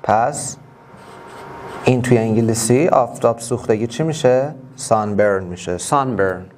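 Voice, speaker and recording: A man with a Persian accent teaching an English class online, explaining each word step by step and repeating it slowly. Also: medium pitch, a little mellow.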